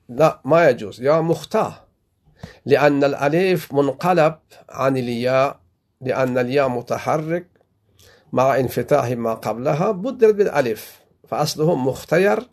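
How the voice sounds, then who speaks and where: A man from Afghanistan leads a classroom grammar lesson as a sheikh. His voice sits at an ordinary middle pitch, and he explains each point step by step. He often repeats his examples and pauses on small fillers. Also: darkish tone. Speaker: sheikh teaching Arabic grammar.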